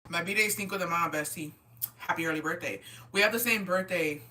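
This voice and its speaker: A woman in her 20s hosts a casual livestream, tipsy and reading and answering viewer comments in slangy talk laced with swearing and Spanish words. Her voice is lowish, fairly quick, pushed and bright. She sounds distant from the microphone.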